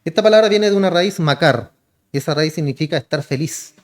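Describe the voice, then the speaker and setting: A Chilean pastor delivers a sermon, often addressing listeners as "hermano" and answering his own questions. His voice is a little high and fairly quick, with church hall reverb on the recording.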